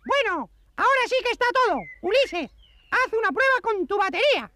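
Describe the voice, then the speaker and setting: Squeaky, excitable little monkey puppet. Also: female voice, brisk, slight background noise, exaggerated voice. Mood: eager, bossy. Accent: Spain. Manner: stammering, excitable. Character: eager, bossy little male monkey puppet bandleader. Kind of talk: children's puppet show.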